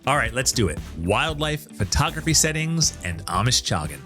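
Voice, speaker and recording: A man hosting a casual interview with a lively, bouncing delivery. He talks with obvious enthusiasm and chatty energy, his pitch moving a lot as he goes. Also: normal speed, over music. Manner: enthusiastic, chatty, data-minded. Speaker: host.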